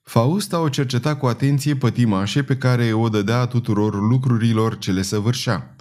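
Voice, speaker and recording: A man narrating an audiobook in a measured, steady literary reading. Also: medium pitch. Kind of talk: scripted narration.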